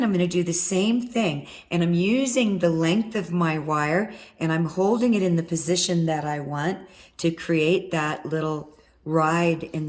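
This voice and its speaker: Working with wire as she goes, a middle-aged woman explains each step of her craft in a chatty, casual way. Vocal cord nodules give her a husky, hoarse, low and tired-sounding voice.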